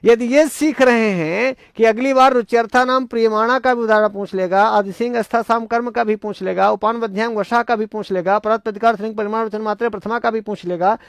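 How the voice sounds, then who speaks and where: A man with a high, gravelly voice lectures on Sanskrit grammar for exam preparation. He repeats key points and keeps checking in with his class through rhetorical questions. The sound is dry and close, with no room echo. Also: fairly even intonation, brisk, hardly any pauses. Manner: emphatic, repetitive, rhetorical questions to students. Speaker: Sanskrit teacher.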